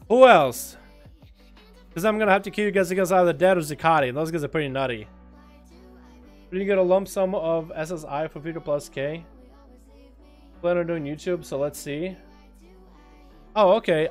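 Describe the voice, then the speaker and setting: Here the American-accented, Russian-speaking streamer hosts game duels on a livestream and talks with viewers, offering excitable commentary and shouting at the big moments. His fairly high voice moves at normal speed with frequent pauses, and faint music plays underneath.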